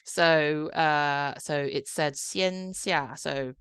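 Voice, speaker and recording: Low-voiced woman explaining patiently. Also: extremely slow, a bit bright, smooth, no echo. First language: Cantonese. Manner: explains step by step, many restarts and "like". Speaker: podcast host. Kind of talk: casual chat.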